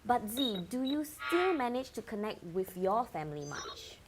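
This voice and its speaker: A woman's voice: fairly high pitch, sing-song, measured pace, noisy background. A woman playing a glib, vain male talk-show host in a scripted satire, wisecracking and stammering. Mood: breezy.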